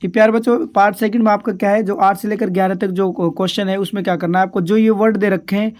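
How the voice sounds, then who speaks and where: A male teacher runs an exam revision lesson in a patient, repetitive way. He asks a question, pauses, then answers it himself, and he keeps calling his pupils dear children. He stretches out English words and sentences slowly, one piece at a time. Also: sits high, fairly even intonation, darkish tone.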